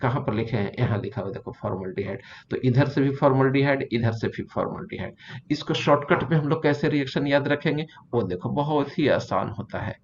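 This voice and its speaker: A man teaches a chemistry class, walking through each reaction step by step and adding playful asides. His voice sits at a medium pitch. The recording sounds a little dull, with a faint hiss behind it. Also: fairly quick. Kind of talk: classroom lecture mixing Hindi and English.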